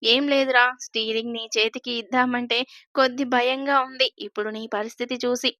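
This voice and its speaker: A woman's voice: on the high side, steady tone, a little fast, bright, forceful tone, dry recording, clean studio sound. A woman voicing a cheerful old grandfather who laughs and jokes with his grandchildren. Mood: jovial. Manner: jovial, laughing.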